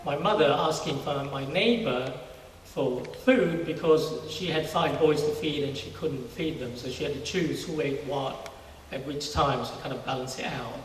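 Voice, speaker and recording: This is a middle-aged man from Singapore, a university research scientist appearing as a guest in a casual testimony interview held inside a large church hall. His voice sits slightly high, and he explains things conversationally at a moderate pace with few pauses. The distant mic picks up heavy reverberation and a little faint noise.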